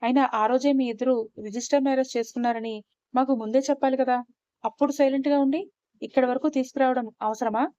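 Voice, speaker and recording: A woman's voice: sits high, fairly even intonation, quick pace, dark tone, dry recording, lightly acted. A woman voicing a stern, hot-tempered elder brother who talks in an accusing, demanding way, in a story reading. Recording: slightly dull, muffled recording.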